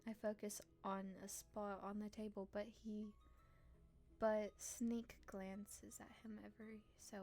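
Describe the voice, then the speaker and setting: A woman with a mid-range voice live-streams a visual novel, reading it aloud and reacting casually. Her delivery is playful, expressive, and teasing.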